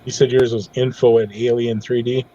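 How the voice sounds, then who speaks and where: A man's voice: medium pitch, flat delivery, moderate pace, dark tone, dull audio. A man who is a regular of the stream, chatting in an easygoing, folksy way over a call. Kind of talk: casual chat.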